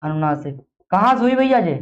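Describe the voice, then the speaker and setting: A man's voice: high-pitched, big pitch swings, brisk. A male teacher giving a grammar lesson in a classroom, quizzing his students by asking the same questions again and again. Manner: drills students with repeated questions. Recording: dull lo-fi recording.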